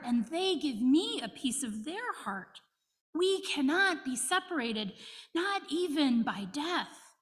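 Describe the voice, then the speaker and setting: Woman minister reading a story slow and gentle, high voice, big echoey church. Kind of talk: reading a story aloud in a sermon. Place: church sanctuary. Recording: long reverb of a church hall.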